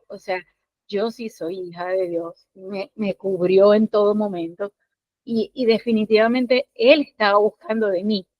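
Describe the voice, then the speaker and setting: A woman's voice: mid-range voice, no room sound. Earnest Venezuelan woman, muffled dry audio. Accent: Venezuelan (Maracaibo). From Maracaibo, Venezuela. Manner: earnest, hesitant with many restarts and fillers. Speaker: student sharing in class. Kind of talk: emotional personal testimony.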